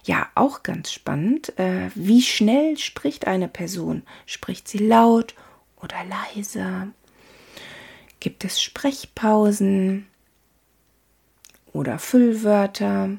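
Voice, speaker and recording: Slow, gravelly-voiced woman teaching calmly. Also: mid-range voice. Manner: calm, talks to the listener directly, many "ne?" tags and fillers. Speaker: body language coach. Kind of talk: spoken lesson on body language.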